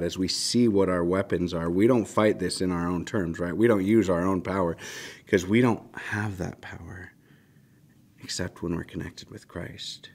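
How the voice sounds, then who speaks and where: A man in his thirties giving an earnest devotional Bible teaching at a desk mic in a small studio, often checking in with "right?". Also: low-pitched. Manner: earnest, emphatic, frequent "right?" asides. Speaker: pastor. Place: small church studio, indoors. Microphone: desk mic on a stand.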